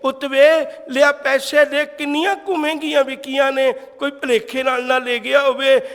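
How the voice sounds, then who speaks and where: A man's voice: extremely high pitch, flat delivery, normal speed, fairly bright tone. A man quoting a poor, loving old grandmother in a tender, pleading way, in a hall. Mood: gently questioning. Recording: long hall reverb.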